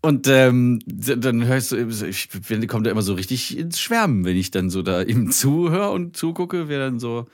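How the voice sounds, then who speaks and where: Casual podcast co-host, male, animated delivery with lots of pitch movement. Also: normal speed, few pauses. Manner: animated, laughing, imitating sounds. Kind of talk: casual chat.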